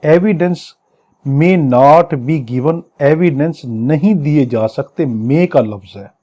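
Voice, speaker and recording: The recording is muffled, and the man's voice is a little high and mellow. Speaking with a Pakistani accent, he lectures on law for an exam, unpacking the legal text one phrase at a time, restating and paraphrasing, and dropping into slow English readings.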